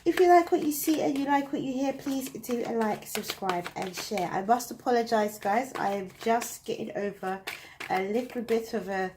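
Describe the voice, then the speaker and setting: A British woman reads tarot cards to camera, chatting and thinking aloud, her nose stuffed up from a cold. Her voice is a little high and her pace normal, with noise in the background.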